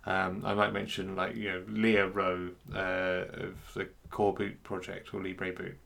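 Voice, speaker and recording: A man giving an unscripted talk on software freedom, hesitant and full of fillers and restarts. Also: deep voice, monotone, measured pace, vocal fry. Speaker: speaker on free software.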